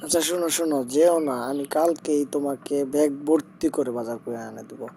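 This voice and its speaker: An exasperated Bangladeshi husband, acted by a man, bickers in a domestic skit. He protests and placates in a fairly high male voice, with noticeable noise behind him. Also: fast, gravelly. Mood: placating, pleading. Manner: bickering as a couple, protesting and pleading. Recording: loud background noise.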